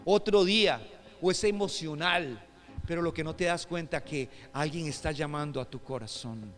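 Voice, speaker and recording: A man preaching a sermon as pastor, swinging between loud shouted emphasis and hushed soft passages and calling on the congregation with repeated questions. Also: on the high side, normal speed, big-room sound. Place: church sanctuary.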